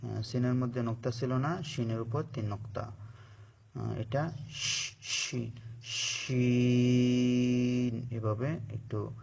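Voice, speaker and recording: A man's voice: mid-range voice, slow pace, creaky, long pauses, slightly rough. A man teaching Arabic letter pronunciation for Quran reading, patiently drawing out each letter as a model for learners to repeat. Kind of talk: slow recorded lesson on letter pronunciation.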